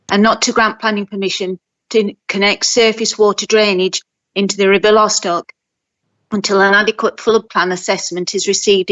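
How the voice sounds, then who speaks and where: A woman ward councillor speaking over the phone, reading a formal prepared statement to a planning committee. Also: mid-range voice. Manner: reads a prepared statement steadily. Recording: dull, muffled phone audio.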